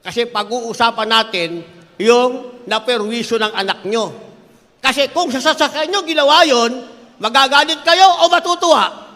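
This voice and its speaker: High, bright-voiced older male preacher. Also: moderate pace, big-room sound. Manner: emphatic preaching, addresses congregation as beloved, often acts out voices. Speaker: pastor. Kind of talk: sermon.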